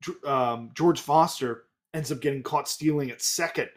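A man's voice: fairly high pitch, normal speed. A man with a Boston accent hosting a casual baseball recap podcast, chatty and enthusiastic with frequent fillers and restarts. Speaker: podcast host.

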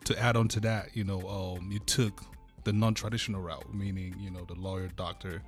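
A man with a fairly low voice co-hosts a casual podcast, talking quickly. He leans on relaxed fillers as he goes. Faint music runs behind him. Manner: relaxed, filler-heavy with "you know" and "um". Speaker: podcast co-host. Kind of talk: casual chat.

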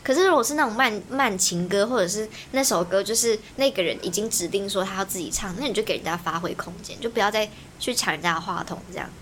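A young woman, chatting on a podcast in an animated, ranting way and laughing often. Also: medium pitch, quick pace, few pauses, slight background noise. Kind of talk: casual chat.

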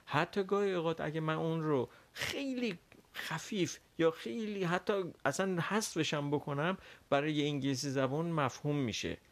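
A man whose first language is Persian, teaching a language lesson and explaining patiently with frequent pauses and fillers. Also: a little high. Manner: explains carefully with many pauses and fillers, models English words slowly. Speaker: English teacher.

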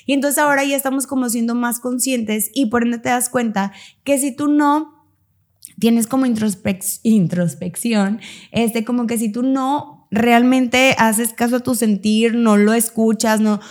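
A woman's voice: a little high, unhurried, a little mellow. Reflective woman, casual chat. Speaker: podcast co-host.

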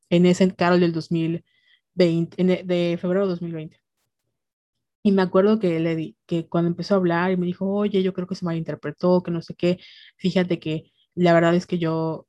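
A woman's voice: lowish voice, warm tone, no echo. A young woman with a Mexican accent, telling a personal story in casual podcast chat, full of slang and quoted dialogue. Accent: Mexican Spanish.

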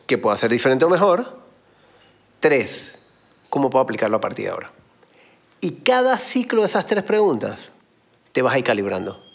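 A man gives a motivational talk in a husky, slightly rough voice. His pitch swings widely and keeps the delivery lively. He explains his points through everyday analogies and blunt slang. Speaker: motivational speaker.

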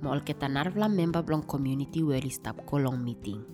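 A woman's voice: very deep voice, quick pace. A woman with a ni-Vanuatu accent reading scripted narration in Melanesian pidgin. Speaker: podcast narrator. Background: music.

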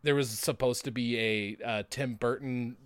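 A young adult man co-hosting a casual podcast chat, animated and swearing, with loud bursts of laughter. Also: mid-range voice, normal speed, clean tone, no room sound. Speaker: podcast co-host.

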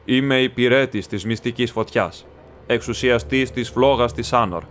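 A man's voice: mid-range voice, a bit bright, a little hiss or hum, natural voice. A man reading an audiobook voices an ancient, unyielding wizard with firm, commanding declarations. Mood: defiant.

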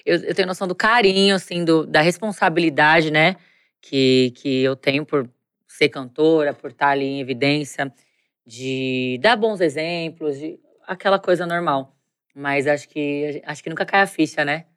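A woman with a lowish voice talks about her fans as a guest in a casual interview. She is warm and effusive and laughs easily. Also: moderate pace, clean tone. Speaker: singer guest.

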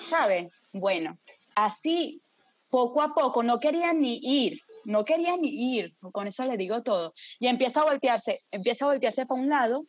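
A woman with a fairly high voice tells a story to friends in a casual, dramatic way. She swears freely and keeps asking whether they follow her. The sound is dry and close, with a slightly dull, lo-fi quality. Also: normal speed, no echo. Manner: lively, dramatic, swears freely, asks listeners for agreement.

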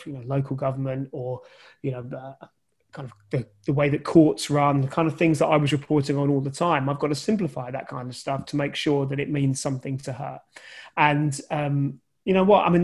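A man with a fairly high voice talks through his answers over a video call. He is a journalism lecturer who sounds reflective and circles back to rephrase his points. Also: a little mellow. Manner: thoughtful, many restarts and fillers. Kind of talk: conversational interview answers.

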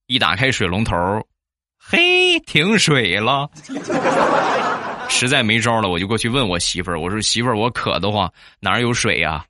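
A man telling funny stories about married life, acting out the quoted people in sudden high bursts. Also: quick pace, hardly any pauses, sharp tone, slight background noise. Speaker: joke-telling host. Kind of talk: comic storytelling.

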